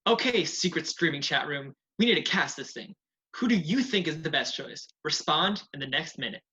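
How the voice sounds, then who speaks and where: A man's voice: a little high, animated, moderate pace, pushed and bright, breathy edge, muffled recording, exaggerated voice. A man playing a laid-back, scheming casting assistant who talks in a breezy, offhand way in an online amateur comedy sketch. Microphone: video call.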